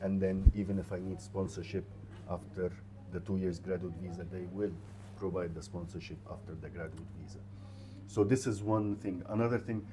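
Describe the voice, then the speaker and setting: A native Arabic speaker representing a university talks with students in an interview, offering advice in halting speech and repeating short phrases for emphasis. He has a deep voice with fairly even intonation, and there's background noise.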